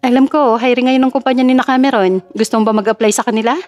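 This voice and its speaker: Lady doing a gossipy young friend, fast chatty talk, bit of music behind. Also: fairly high pitch, fairly even intonation, darkish tone, highs cut off, natural voice. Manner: giddy, gossipy.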